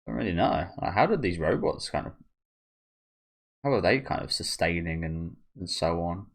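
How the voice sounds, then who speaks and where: A man's voice: low voice, expressive, normal speed, creaky. A man giving casual, rambling reaction commentary as the host of a video channel.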